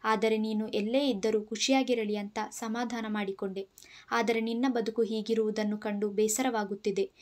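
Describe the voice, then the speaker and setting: A woman's voice: a little high, steady tone, moderate pace, warm tone, natural voice. A woman voicing a scheming, spiteful young woman in an audio story, talking in a gushing then catty way.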